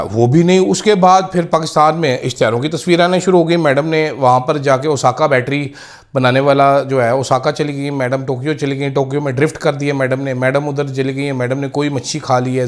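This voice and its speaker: Sarcastic man vlogging politics. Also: on the high side. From Pakistan. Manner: sarcastic, mocking. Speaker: political commentator. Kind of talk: casual political commentary vlog.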